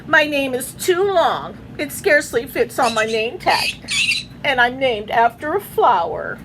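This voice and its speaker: A woman voicing an excited little schoolgirl in a storybook reading, squealing and high. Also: unhurried, a little hiss or hum, exaggerated voice, rough recording. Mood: glum. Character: cheerful little girl schoolgirl.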